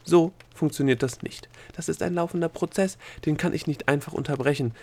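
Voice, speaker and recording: Prim, pedantic lady bureaucrat, higher voice, male reader putting her on. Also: fairly quick, vocal fry, darkish tone. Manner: cool, pedantic, by-the-rules. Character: prim female brain bureaucrat. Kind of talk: audiobook character voice.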